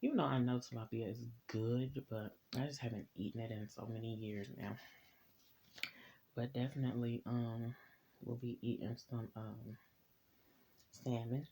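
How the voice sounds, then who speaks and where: A man talking casually in a personal vlog, relaxed and reflective, eating as he talks, recorded on a phone at home. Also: mid-range voice, moderate pace, pauses often, slight background noise. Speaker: vlogger. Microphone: phone camera.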